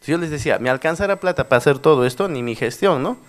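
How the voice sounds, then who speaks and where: A man's voice: on the high side, fast. A middle-aged man from the Cusco region, a former mayor telling stories in a workshop talk and often tagging his sentences with a question. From Peru, Cusco region. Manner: animated storyteller with frequent tag questions. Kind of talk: anecdotal conference talk.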